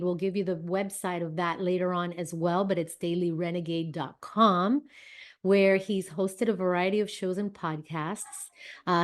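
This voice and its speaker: A woman's voice: lowish voice, darkish tone. Chatty woman hosting a talk show. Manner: chatty and effusive, with many fillers and restarts. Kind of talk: casual interview introduction.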